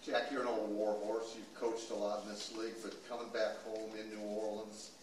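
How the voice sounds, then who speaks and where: Male reporter, lowish voice, asking questions at a sports press conference. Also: little pitch movement, brisk, slight background noise, rough recording.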